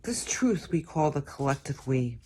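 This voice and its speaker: A woman reciting a comic verse monologue theatrically, with a dramatic delivery that moves between hushed and loud. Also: sits low, sing-song, moderate pace, breathy edge. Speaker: performer.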